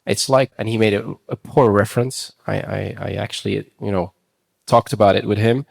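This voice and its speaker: A man with a low voice full of vocal fry. He talks in a conversational, anecdotal way, as in a casual panel discussion. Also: fairly even intonation, moderate pace.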